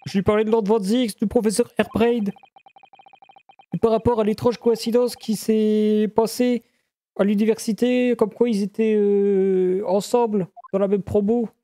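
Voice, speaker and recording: A man's voice: high voice, flat delivery, moderate pace, dark tone, lightly acted. A man voicing a polite, puzzled young man in an amateur detective game dub, reading hesitantly. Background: game music.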